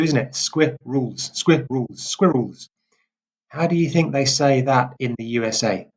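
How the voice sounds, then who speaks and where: A British man from England giving an English pronunciation lesson, speaking slowly and deliberately and repeating example words clearly. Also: on the high side. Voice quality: slow and deliberate, drawing out words for emphasis.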